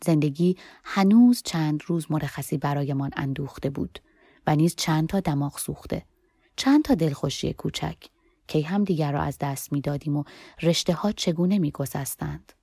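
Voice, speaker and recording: A woman narrating a first-person novel in a soft, expressive storytelling manner. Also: low-pitched, no room sound, clean studio sound. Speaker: audiobook narrator.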